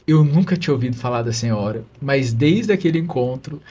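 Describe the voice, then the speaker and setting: A man's voice: mid-range voice, animated, fairly quick, warm tone, slightly rough. A man, a religious brother, telling an earnest, emotional story of his calling in a podcast interview.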